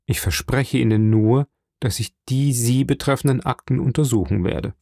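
A man voicing a measured, businesslike male prison inspector in an audiobook reading. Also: medium pitch, gravelly, dark tone, dry recording, studio quality. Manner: matter-of-fact, businesslike.

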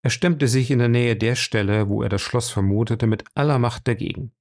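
A man narrating an audiobook in a measured, expressive reading style. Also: medium pitch. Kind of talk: scripted narration.

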